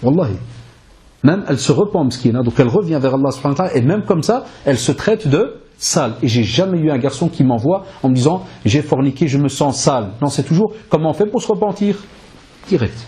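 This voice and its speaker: Brief: man, sermon preacher, conversational, rhetorical questions, warm mellow tone. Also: on the high side, brisk. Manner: lively and conversational, with rhetorical questions and Arabic religious phrases. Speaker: preacher and lecturer.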